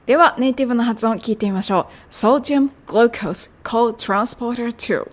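A young woman hosts a casual lesson on pronouncing medical English terms. Her voice sits a little high, and she chats in a friendly way. She slows down to drill each sound for her listeners. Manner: friendly, chatty coaching, drilling sounds slowly. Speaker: English pronunciation teacher.

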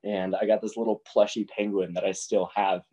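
A young man, a para snowboarder, telling his own story in a casual, lively way and acting out what people said. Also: on the low side, brisk, husky, low-quality recording. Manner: casual, animated retelling with voiced quotes. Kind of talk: personal storytelling talk.

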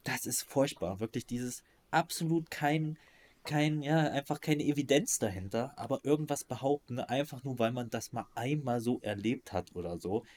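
A man's voice: medium pitch, moderate pace, darkish tone. Emphatic, ranting male podcast co-host. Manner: emphatic, ranting, slangy, with frequent restarts. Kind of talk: casual chat.

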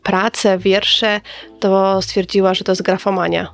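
A woman co-hosting a casual chat, thoughtful and thinking aloud with short pauses. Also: mid-range voice, level tone, gravelly. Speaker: podcast co-host.

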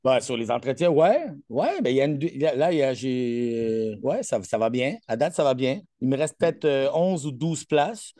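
Brief: rambling, boastful Québécois coach, mellow tone, dry sound. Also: male voice, medium pitch, animated, moderate pace, hardly any pauses, no echo. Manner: boastful, rambling, heavy on fillers. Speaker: coach being interviewed. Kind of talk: casual interview chat.

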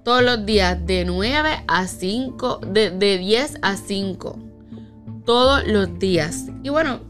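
A woman's voice: mid-range voice, takes it slowly, soft background music. A woman telling a personal story in casual chat, acting out the lines of the people she quotes. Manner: animated, acts out quoted dialogue.

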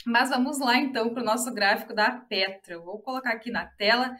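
A woman's voice: on the high side, brisk, pushed and bright. A woman with a Rio Grande do Sul accent giving live market commentary as a chart analyst, chatty and often addressing viewers directly. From Rio Grande do Sul, Brazil.

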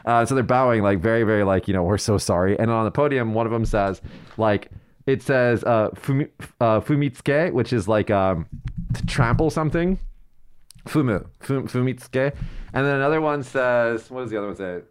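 A hungover man chats as a talk show co-host. He tells stories loosely and with a joking streak, often circling back as he looks for the right word. His pitch sits in an ordinary middle range for a man. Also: normal speed, smooth. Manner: rambling, searches for words, jokey. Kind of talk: casual chat, storytelling.

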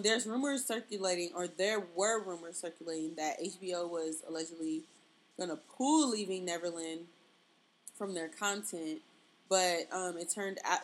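A woman's voice: lowish voice, low-quality recording. A woman hosting a podcast in a casual, chatty style. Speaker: podcast host. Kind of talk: casual chat.

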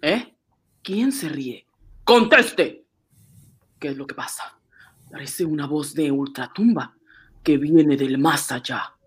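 An actor playing a suspicious, threatening police inspector in a radio drama, barking demands with gasping unease. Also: male voice, fairly high pitch, slow, breathy edge. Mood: uneasy, demanding.

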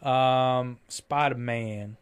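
A man's voice: medium pitch, fairly even intonation, drawn-out words, smooth. A man co-hosting a podcast, chatting casually and rambling into profane stories. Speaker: podcast co-host. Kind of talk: casual chat.

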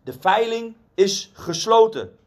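A man's voice: sits high, lively intonation, takes it slowly, pitched above the performer's own voice. A man voicing a stubborn auctioneer who keeps insistently calling for bids. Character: stubborn persistent male auctioneer.

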